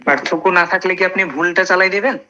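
Brisk correcting man, dull lo-fi call. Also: high voice, pushed and bright, slight background noise. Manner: brisk, corrects others, repeats short phrases. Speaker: debater on a live online call. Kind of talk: heated religious debate.

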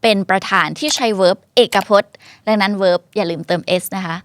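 A young woman teaches English in a casual online lesson, speaking. She reads each English example slowly and clearly and spells words out letter by letter. Her voice sits at an ordinary pitch, recorded dry and close with no room sound. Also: a bit bright, dry recording. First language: Thai.

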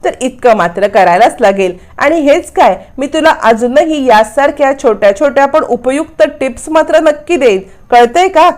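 A woman's voice: high-pitched, animated, moderate pace, hardly any pauses, a little mellow, pitched above the performer's own voice. A woman voicing a young man who lectures a friend on business in a patronizing, explaining way. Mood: lecturing.

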